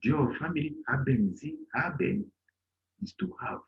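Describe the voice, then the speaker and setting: Speaking at a normal speed with a fairly high-pitched voice, a middle-aged man leads an online German class and acts out small dialogues in a raised voice. The lo-fi audio comes through a laptop mic on a video call from an indoor room.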